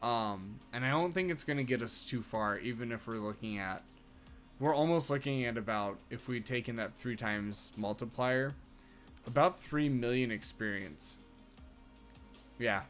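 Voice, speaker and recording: A man's voice: medium pitch, a little slow, a bit bright, soft background music. A man giving casual late-night commentary while playing a video game, rambling and often restarting his sentences. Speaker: game streamer.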